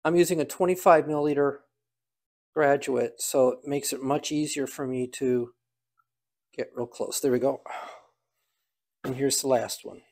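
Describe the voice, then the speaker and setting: A man's voice: medium pitch, a little slow, long pauses, a little mellow. An older man giving a casual hands-on demonstration, talking aloud in a folksy, dryly humorous way. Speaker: home cider maker demonstrating.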